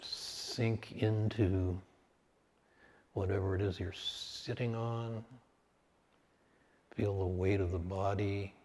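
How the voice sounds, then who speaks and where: Calm and deep-voiced, a man takes listeners through a guided meditation. He delivers brief, measured phrases and lets long pauses sit between them.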